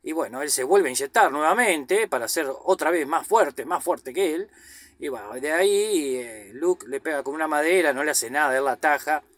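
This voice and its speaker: Guy chatting through a movie recap, slangy and loose, fairly high voice, dry close sound. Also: animated, normal speed, fairly bright tone, dry recording. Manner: chatty, loose retelling with slang asides and fillers. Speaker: film commentator.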